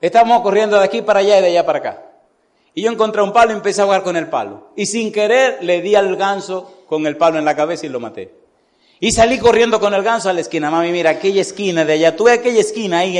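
Guilty little boy blurting out a confession, rushed and pleading, slightly raised voice, as a male preacher puts him on, sermon story. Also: high-pitched, natural voice.

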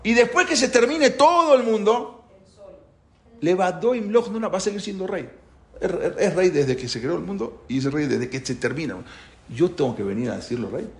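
A man teaching a religious class, talking in an animated way and asking rhetorical questions. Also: sits high, normal speed. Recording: roomy echo.

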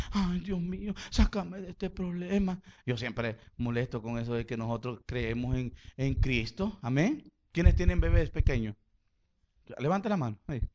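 A middle-aged man with a Salvadoran Spanish accent preaching a sermon in a church, joking and swinging from loud exhortation to quiet storytelling. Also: sits high, lo-fi sound. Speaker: pastor.

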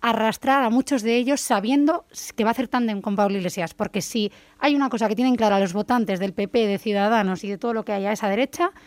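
A woman's voice: on the high side, fast, no echo. A woman giving assertive, opinionated commentary on a talk show. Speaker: political commentator.

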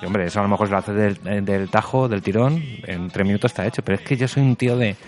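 Low-voiced laid-back joking man. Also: fast talker, a little mellow. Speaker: co-host. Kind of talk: casual comedic banter.

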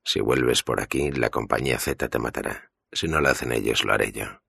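A man playing a cold, ruthless male federal agent who speaks slowly and menacingly. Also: very deep voice, creaky, pushed and bright, slightly rough, no room sound, studio quality, heavily acted. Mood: curt, hard. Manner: slow, menacing and clipped.

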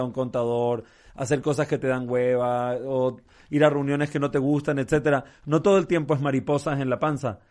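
A man with a Mexican accent chats casually, full of street slang. He tells jokes by acting out the people in them, with an easy storyteller's manner. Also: mid-range voice. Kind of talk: casual conversation, telling a joke.

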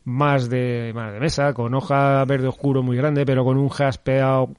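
A man's voice: medium pitch, little pitch movement, measured pace, smooth, no room sound. A man co-hosting a casual podcast chat, joking and swearing freely while reading out fun facts. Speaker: podcast co-host.

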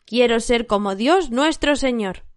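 A woman's voice: a little high, lively intonation, measured pace, no echo, studio quality. Woman voicing a greedy, furious fisherman's wife. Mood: demanding. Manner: demanding, shouting commands.

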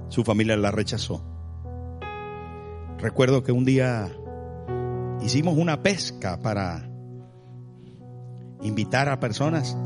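A man preaching a sermon as a pastor, impassioned, with soaring pitch and drawn-out words. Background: music.

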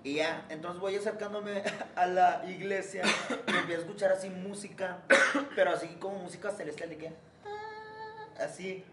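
A young man with a Mexican Spanish accent telling a story among friends in a casual, animated way, swearing freely and acting out sounds. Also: sits high, normal speed, distant mic. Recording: echoey room, faint noise.

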